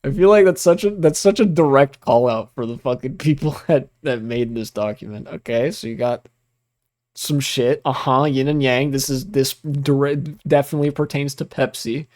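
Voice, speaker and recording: A man's voice: medium pitch, normal speed, darkish tone. A young man hosting a casual livestream, reacting to what he reads on screen in a rambling, profane way, with many fillers and bursts of laughter. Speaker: livestream host.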